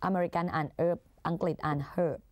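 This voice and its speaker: A woman's voice: fairly low pitch, level tone, racing, no room sound. A young woman tutoring exam English in a chatty, playful way, casting herself as an older sister who coaxes her students along. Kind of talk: Thai exam-prep lesson.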